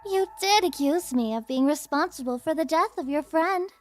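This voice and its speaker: A woman acts out a scripted ASMR roleplay as a taunting, playful young trickster girl, stretching her words in a coy, teasing, mock-innocent way. Her high voice is animated, and soft music plays in the background.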